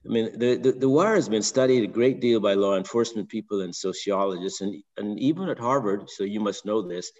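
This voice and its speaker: An older man with a Barbadian accent from Barbados, calling in with a long, halting comment full of restarts and repeated words. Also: fairly low pitch, a little mellow, highs cut off. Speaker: caller. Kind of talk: call-in question. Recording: long reverb.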